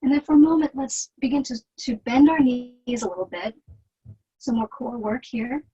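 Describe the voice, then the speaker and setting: A woman teaching yoga, guiding the poses in a soothing, gentle manner with a slightly husky, breathy voice. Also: on the high side, moderate pace, muffled recording. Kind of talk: guided yoga instruction.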